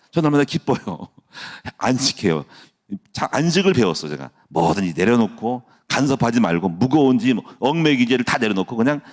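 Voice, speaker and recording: Animated Korean pastor at dawn service. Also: male voice, mid-range voice. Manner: animated, jokey, with laughter and sudden drops to a near hush. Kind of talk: sermon.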